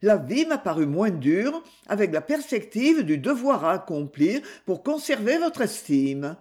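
A man's voice: high-pitched, big pitch swings, unhurried, a little mellow. A man voicing a proud, tender young woman in love, grave and fervent.

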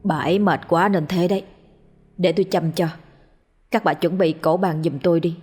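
A woman's voice: lowish voice, steady tone, moderate pace, a little mellow, breathy edge, soft background music. A woman voicing a worried middle-aged village husband who presses his wife with anxious questions, in a ghost story reading.

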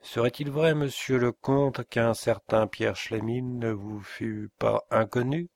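A man's voice: mid-range voice, steady tone, slow pace, vocal fry, dry recording, studio quality. A man voicing a stern, angry older forest inspector and father in an audiobook, talking in an indignant, threatening way. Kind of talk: audiobook character voice.

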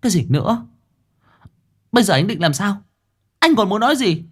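A man voicing an enraged young woman who screams and scolds her ex-lover in a shrill voice. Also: very animated, normal speed, a bit bright, breathy edge, heavily acted. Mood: exasperated.

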